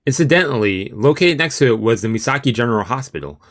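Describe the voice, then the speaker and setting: Over video game music, a man narrates a visual novel in let's play style, tripping on long words and tossing in offhand remarks. His medium-pitched voice is expressive and fairly bright, and he talks fast.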